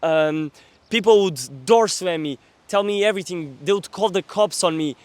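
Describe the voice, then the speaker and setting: Man in his 20s with a high-ish, dry voice; fierce, earnest motivational vlogger who swears casually. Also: normal speed, dry recording. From Portugal. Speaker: young entrepreneur, vlogger. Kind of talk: motivational monologue to camera.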